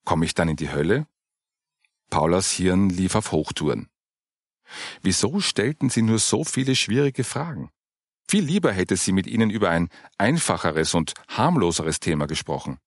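Male audiobook narrator, low and expressive, calm storytelling, dry close sound. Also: moderate pace, no room sound.

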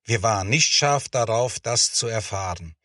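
A man voicing a patient female children's teacher in a storybook reading, calm and instructive. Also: lowish voice, moderate pace, no echo, clean studio sound.

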